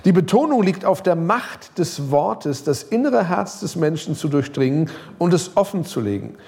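A man's voice: normal speed, creaky. A middle-aged male pastor preaching a sermon, talking casually and directly to his listeners, his voice rising and falling. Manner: lively preaching, pitch rising and sinking, some quiet passages; casual, direct address with English loanwords.

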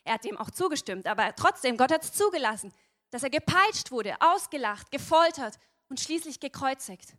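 Woman preaching a sermon, high voice, earnest, keeps asking the congregation questions. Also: very animated, normal speed, pushed and bright. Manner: earnest, addresses listeners directly with questions; tag questions "ja?".

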